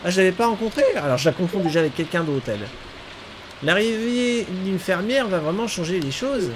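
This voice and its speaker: A man's voice: high voice, animated, fairly quick, noisy background. Chatty man commenting on a game. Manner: chatty, reads game text aloud, swears mildly. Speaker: gaming streamer. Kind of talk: casual let's-play commentary. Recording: game music playing behind. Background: game music and rain sounds.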